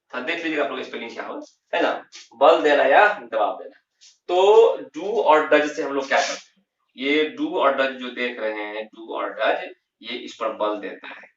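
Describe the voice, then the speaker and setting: A man's voice: medium pitch, fairly bright tone. A man gives a grammar lesson, asking questions and answering them himself as he drills each term. He sounds set back from the mic. The room is echoey and the audio dull. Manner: repeats key terms, slow and emphatic, asks and answers himself. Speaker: English grammar teacher. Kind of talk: classroom lesson explaining grammar. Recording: roomy, distant, dull lo-fi sound.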